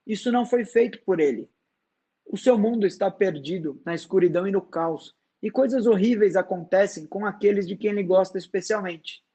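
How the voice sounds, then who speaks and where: A wise, serene woman, read by a man with a high voice in a dramatized book reading. She speaks softly and slowly but never gives ground. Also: slightly rough. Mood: gentle, firm. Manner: soft, slow and firm. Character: calm wise woman, gentle and insistent.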